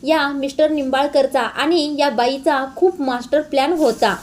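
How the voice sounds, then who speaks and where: A woman's voice: high-pitched, fairly even intonation, measured pace, darkish tone. A woman reading the lines of a furious young man who accuses his elders. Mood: angry.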